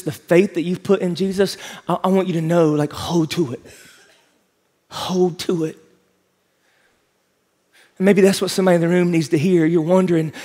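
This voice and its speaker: A man's voice: a little high, a little mellow. A man, preaching an emphatic sermon as pastor in a large church auditorium. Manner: impassioned, emphatic preaching, walking the stage.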